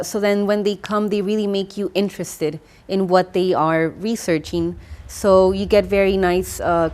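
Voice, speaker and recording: A woman's voice: lowish voice, darkish tone. A young woman from Rica, speaking English in a thoughtful testimonial with frequent fillers and restarts. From Costa Rica. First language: Spanish. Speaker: master's graduate. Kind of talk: testimonial interview.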